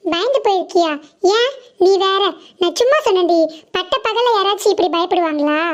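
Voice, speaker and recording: A woman doing a mischievous cartoon schoolgirl with a very high, bright childlike voice who teases her friend with playful jabs. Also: expressive, brisk, highs cut off. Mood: teasing. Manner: playful teasing. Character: teasing, cheeky schoolgirl friend.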